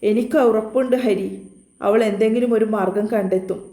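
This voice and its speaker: A woman voicing a calm young man who explains a rescue plan in a steady, reassuring way. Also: mid-range voice, normal speed, echoey room, lightly acted.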